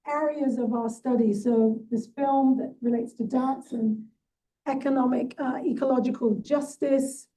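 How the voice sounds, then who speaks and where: A woman's voice: sits high, fairly even intonation, unhurried, warm tone, far from the mic, poor audio. A woman leading a movement workshop, coaching with encouraging asides and frequent "right?". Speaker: workshop leader and guest speaker. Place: event hall.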